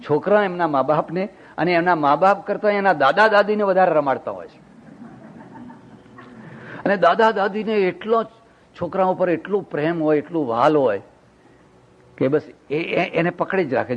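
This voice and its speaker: Older monk telling a lively parable. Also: male voice, on the high side. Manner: animated, acts out the people in his anecdotes. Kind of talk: storytelling sermon. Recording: dull lo-fi recording.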